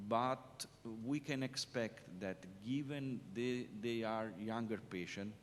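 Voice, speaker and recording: A man answering questions as a panelist at a conference discussion, explaining emphatically with frequent hesitations. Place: conference hall. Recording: reverberant conference hall, faint rumble.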